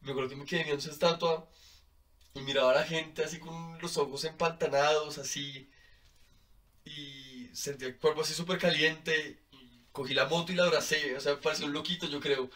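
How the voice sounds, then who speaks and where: A man's voice: a little high, brisk. Colombian man telling a story, distant mic. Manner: animated, laughs often, fills with "como". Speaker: podcast guest. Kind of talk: casual storytelling.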